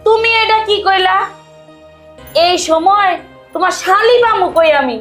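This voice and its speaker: A woman doing a shrill older mother-in-law, nagging and scolding, half deaf. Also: a little slow, a bit bright, soft background music. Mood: fussing. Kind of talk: comedy short film acting.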